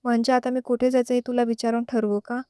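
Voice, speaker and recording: A woman's voice: fairly high pitch, little pitch movement, fast talker, mellow, clear, resonant tone, dry recording, clean studio sound, lightly acted. A woman reading a storybook voices a cold, dismissive young husband who scolds his wife. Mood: curt.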